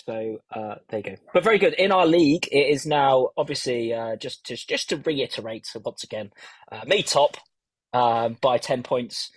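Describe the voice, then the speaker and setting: A man hosting a casual fantasy football podcast with bantering, self-mocking chat, heard in low quality stream audio from a stand-in mic. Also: normal speed, dry recording. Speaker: host of a fantasy football show. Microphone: stand-in mic, not his usual one.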